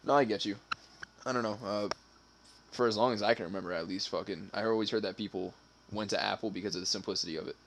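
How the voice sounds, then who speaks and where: Low-voiced man in loose, profane chat. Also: quick pace, background noise. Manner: loose and profane, laughing, hesitant fillers. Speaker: stream co-host. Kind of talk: casual chat.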